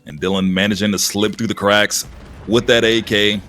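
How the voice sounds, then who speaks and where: A man doing live esports commentary as a caster, lively and husky, with casual asides. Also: fairly low pitch, normal speed. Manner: animated esports caster delivery. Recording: music behind the voice. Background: music.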